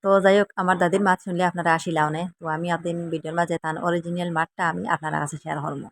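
A woman's voice: fairly low pitch, flat delivery, rapid-fire, slight background noise. A woman from Assam with a Sylheti accent, chatting to viewers in a casual cooking vlog in a rambling, chatty way. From Assam, India. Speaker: vlogger.

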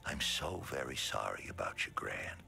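A gravelly, hushed old man. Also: very deep voice, big pitch swings, moderate pace, soft background music, heavily acted. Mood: sorrowful. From Hungary. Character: gentle old bearded man, wistful and warm-hearted. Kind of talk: video game voice acting.

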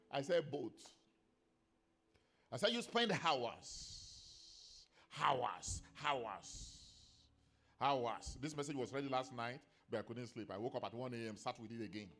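A middle-aged man preaching a sermon in a church, swinging between quiet storytelling and emphatic scripture reading. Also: medium pitch, moderate pace, long pauses, soft background music. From Nigeria. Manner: laughs between stories. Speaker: pastor.

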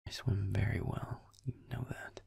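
A young man, whispering at a normal speed in a fairly low pitch, plays a sardonic, grumpy werewolf boyfriend in an intimate audio roleplay. His breathy, gravelly deadpan mutters come while he games, heavily acted and captured as a dry recording.

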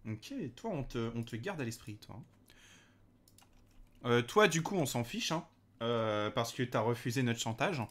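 With an animated, medium-pitched voice, a let's play host talks at a measured pace and pauses often. His casual gameplay commentary is hesitant and filler-heavy, and he addresses the game's characters directly.

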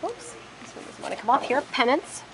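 Very animated and a little fast, a high-pitched store host films a casual tour of products in a big warehouse lined with wire shelving. She stays behind the handheld camera, simply naming items one by one over a noisy background.

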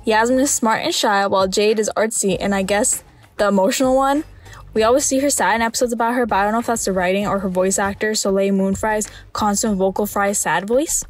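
A woman's voice: medium pitch, steady tone, brisk. A woman narrating scripted video commentary with dry, wry humour.

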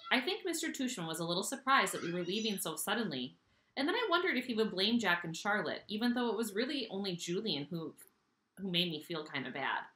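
A woman reads a children's novel aloud with animated, expressive delivery. Her voice is bright and clear, and her pitch moves widely. The recording has the ring of an echoey room. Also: brisk. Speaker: audiobook reader.

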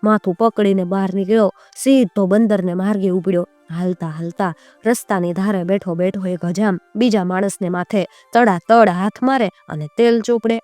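A woman storyteller narrating a folk tale in a lively, rhythmic way. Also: mid-range voice, normal speed, no room sound, soft background music.

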